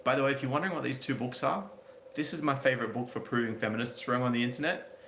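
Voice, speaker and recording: A man's voice: medium pitch, steady tone, quick pace, fairly bright tone. A man reading out a story and adding blunt, sardonic, crude commentary in a casual way. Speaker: commentary video host. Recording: roomy echo, faint background noise.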